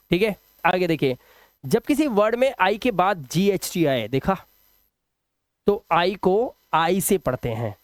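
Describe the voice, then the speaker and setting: Man, phonics teacher, high voice, dry close sound, patient, repeats words slowly. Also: no echo. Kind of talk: explaining phonics rules in a video lesson.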